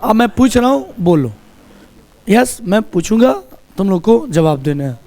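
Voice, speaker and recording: Here a man with a high-pitched, darkish voice and big pitch swings drills English sentences for a class, teaching in Hindi with a Hindi accent. He asks students to repeat after him, speaking slowly and drawing things out.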